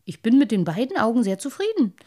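A woman's voice: on the high side, big pitch swings, fast, warm tone, pitched above the performer's own voice. A woman voicing a timid little water-sprite boy in a children's story, anxious and hesitant. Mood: puzzled.

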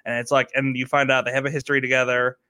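A man's voice: medium pitch, flat delivery, very fast, bright, forceful tone, clean tone, low-quality recording. A man in a casual film discussion who explains his points at length, enthusiastic about the craft.

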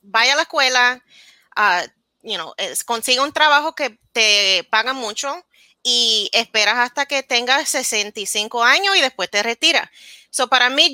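A woman in her thirties from New Jersey, United States, is an interview guest telling her story candidly in a casual conversation, switching into English words mid-sentence. Her voice is a little high, pushed and bright, in a dry recording.

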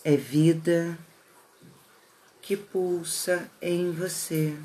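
A guide leading a relaxation meditation in a soothing, unhurried manner, with short phrases and long pauses. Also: mid-range voice, fairly even intonation, mellow. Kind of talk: slow guided meditation narration.

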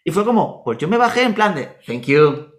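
A man's voice: high voice, fairly quick. A man from Murcia with a Spanish accent, telling personal stories in a casual chat and acting out the dialogue. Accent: Spanish from Spain. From Spain, Murcia. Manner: animated anecdotes, acts out dialogue.

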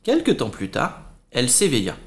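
Male storyteller for kids, lots of melody in the voice, expressive. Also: mid-range voice, normal speed, vocal fry. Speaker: children's storyteller and co-host. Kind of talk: expressive children's story narration.

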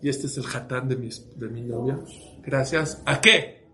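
A man, preaching as a rabbi, who tells a story with lively voiced dialogue. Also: mid-range voice, a little slow, a little hiss or hum. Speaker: rabbi giving a talk. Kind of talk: sermon story.

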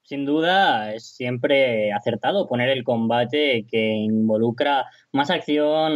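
A man's voice: mid-range voice, dry recording, highs cut off. A man speaking as a wrestling commentator, giving conversational, reflective analysis with his own opinions.

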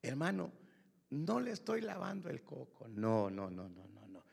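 A man preaching a sermon, swinging from hushed whispers to shouted exclamations. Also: mid-range voice, very animated, unhurried, creaky, breathy edge, big-room sound.

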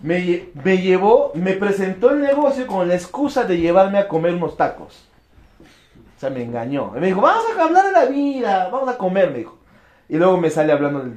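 A high, lively male voice, speaking to a crowd as a motivational speaker. He bounces between voices and acts out little exchanges. The sound is echoey, as if he is in an open hall. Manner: animated, acts out quick dialogues. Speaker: network marketing speaker. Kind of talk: motivational talk to an audience.

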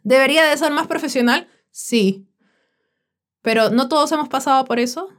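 A woman hosting a podcast, talking slowly and frankly in a reflective, colloquial monologue. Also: high voice. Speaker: podcast host.

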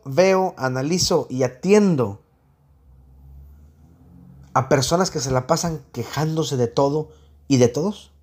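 A man's voice: fairly high pitch, a little mellow. A man with a Mexican accent, a psychologist giving a blunt, sardonic spoken monologue.

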